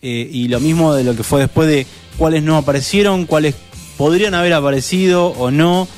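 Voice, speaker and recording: His voice is a little high and darkish, and he speaks fairly quickly: a man co-hosting a relaxed radio segment on movies. He goes on at length, often starting sentences over, as soft music plays underneath.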